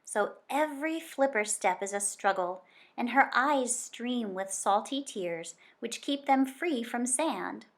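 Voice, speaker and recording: With a fairly high pitch, a woman reads a children's nonfiction picture book aloud in a teacherly manner, her phrasing expressive and deliberate like a storyteller's as she stretches out key words.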